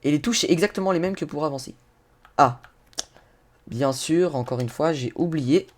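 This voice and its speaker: This gaming YouTuber has a fairly high voice and speaks at a normal pace. He gives a casual game tutorial, addressing his viewers directly and laughing and cursing at his own blunders.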